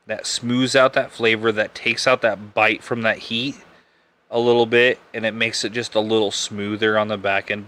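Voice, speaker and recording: A young man talks casually as a podcast host, rambling and backtracking in a relaxed way. His voice sits a little low, but it has a bright, forceful edge and a smooth, crisp clarity. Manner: rambling, laid-back, self-correcting. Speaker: podcast host reviewing bourbon. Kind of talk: casual live-stream chat.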